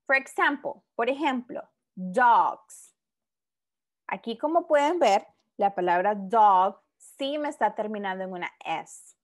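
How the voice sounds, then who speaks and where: A woman's voice: medium pitch, expressive, normal speed. A woman teaching an English grammar lesson, explaining patiently, repeating example words and often checking with the class.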